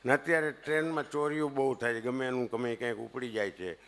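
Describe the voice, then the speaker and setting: Kathiawadi guy spinning funny stories on stage, medium pitch, goes loud then quiet. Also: fairly even intonation, fast. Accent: Kathiawadi Gujarati. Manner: swings between loud punchlines and hushed asides. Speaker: stage comedian. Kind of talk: live comic storytelling to an audience. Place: stage before a seated audience.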